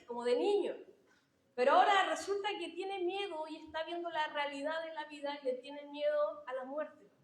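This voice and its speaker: High-voiced woman preaching in a roomy hall. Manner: warm conversational preaching, addressing listeners as brothers, emphatic repetitions. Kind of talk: sermon.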